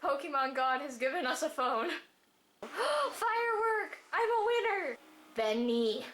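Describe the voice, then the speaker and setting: Squealing, excitable woman gaming. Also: high-pitched, a little slow, slight background noise. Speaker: gaming channel host. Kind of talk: game reaction commentary. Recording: game music loud beneath voice. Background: game music.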